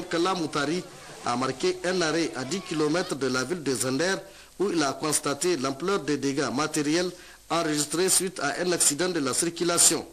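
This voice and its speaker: A man's voice: a little high, a bit bright, rough recording. A man reading a formal news report as a voice-over. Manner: measured, formal delivery.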